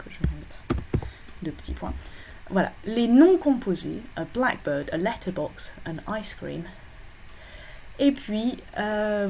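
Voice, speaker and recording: A woman lecturing on English phonology for exam preparation, her voice mellow and warm at an ordinary middle pitch. She explains step by step, often pausing on fillers and correcting herself mid-phrase. A faint background noise sits under the recording.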